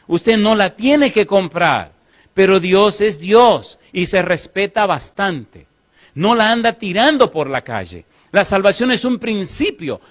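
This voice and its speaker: A man preaching a sermon as pastor, asking the congregation questions and slowing to read scripture aloud. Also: high-pitched.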